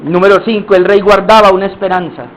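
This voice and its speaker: A man's voice: sits high, fairly even intonation, quick pace, fairly bright tone, poor audio. A man pastor preaching a sermon, impassioned and dramatic, acting out scripture scenes as he preaches.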